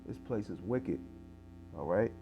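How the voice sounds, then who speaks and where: A man's voice: lowish voice, expressive, measured pace, faint music behind. A man preaching in casual street style, reading scripture aloud and tagging lines with "okay?" and "man". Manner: fills with "man" and "okay?", reads verses louder.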